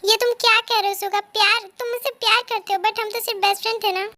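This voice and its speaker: A woman's voice: very high-pitched, steady tone, quick pace, sharp tone. A woman voicing a proud young woman who coldly pushes away a suitor, in a fan-fiction dub. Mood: stunned. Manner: curt, dismissive. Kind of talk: Hindi fan-fiction dubbing.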